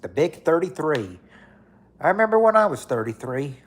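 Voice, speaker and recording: This livestream host, a man in his late thirties, keeps things casual as he reads out viewer comments, rambling and looping back with plenty of fillers. He speaks at a moderate pace in a higher voice with big pitch swings.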